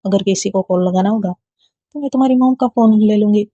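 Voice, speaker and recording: Woman voicing old grandmother, firm, scolding, dark muffled voice, dry recording. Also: mid-range voice, a little fast, breathy edge, dry recording, lightly acted. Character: old grandmother, bossy and caring.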